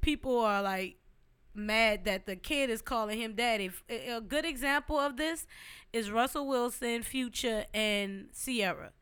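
A woman co-hosting a casual podcast chat, emphatic and animated, often talking over her partner. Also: on the high side, unhurried, smooth. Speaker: podcast co-host. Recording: hip hop music playing loud behind.

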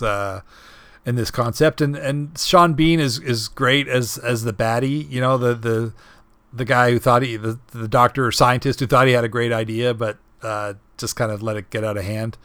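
A man co-hosting a casual film review podcast, talking in a halting way with many restarts and fillers and chuckling often. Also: medium pitch, fairly even intonation, fairly bright tone, no echo. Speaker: podcast co-host.

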